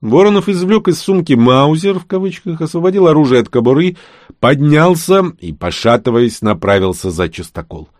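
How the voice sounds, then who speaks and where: A man narrating a fantasy audiobook with an expressive, dramatic reading. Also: on the high side, moderate pace, dry recording, studio quality.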